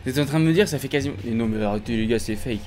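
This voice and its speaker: A man's voice: medium pitch, racing, darkish tone, faint music behind. A young man doing casual, joking reaction commentary on videos, often laughing.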